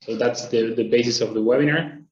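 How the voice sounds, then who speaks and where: A man from Argentina, presenting a webinar in a steady, explanatory way. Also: mid-range voice, a little fast, roomy sound, lo-fi sound. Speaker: traffic planner presenting.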